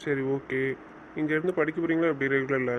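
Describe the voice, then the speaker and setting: A young man speaking softly to his wife in a coaxing, gently teasing way. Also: fairly high pitch, fairly even intonation, fairly quick, a little hiss or hum. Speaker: husband in a couple's chat. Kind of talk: casual couple banter. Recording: muffled lo-fi recording.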